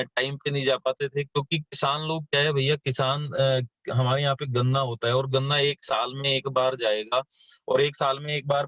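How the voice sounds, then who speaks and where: A man's voice: mid-range voice, a bit bright, no echo. A man in his thirties from western Uttar Pradesh, telling his life story as an invited speaker in a motivational session, with plain storytelling and many fillers. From western Uttar Pradesh, India. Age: 30s. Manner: plain storytelling, frequent fillers and repeated words. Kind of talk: motivational talk on a live session.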